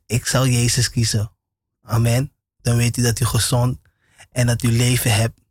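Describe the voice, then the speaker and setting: A man's voice: mid-range voice, completely flat delivery, moderate pace, a little mellow, breathy edge, no room sound, studio quality. A man preaching an informal radio sermon, repeating phrases with many amens and short laughs.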